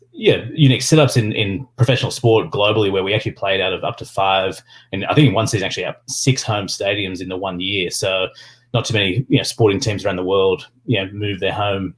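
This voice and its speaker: An Australian man chatting casually as an interview guest, rambling and leaning on filler phrases. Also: sits low. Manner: rambling, peppered with "you know" and "sort of". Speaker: podcast guest, sports business executive.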